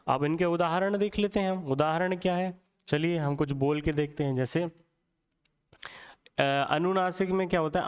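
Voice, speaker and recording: A man teaching Hindi for exams, explaining step by step and repeating words slowly to show how they sound. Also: a little high, clear, resonant tone. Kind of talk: classroom lecture for exam prep.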